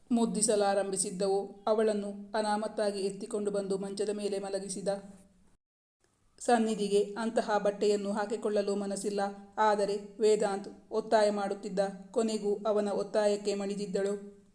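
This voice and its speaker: A woman narrating an episode of a serialized romance novel in a steady, even reading voice. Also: mid-range voice. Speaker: story narrator.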